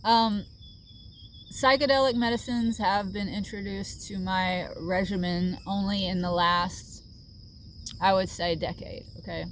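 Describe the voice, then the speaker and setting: A middle-aged woman speaks in an earnest, reflective way, chatting casually to her camera as if to a friend. Her pitch sits in an ordinary middle range, and her talk is loose and full of fillers. Faint cricket and insect sounds drift behind her from the rural outdoors. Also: a little hiss or hum. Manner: earnest, reflective, with frequent fillers and soft laughs. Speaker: vlogger sharing a healing journey.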